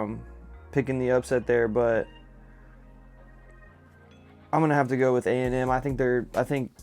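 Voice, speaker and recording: A young man, casually running through his picks in a relaxed, repetitive vlog chat. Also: medium pitch, clean tone. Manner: laid-back, drawling, repeats himself, filler words. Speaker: fragrance vlogger.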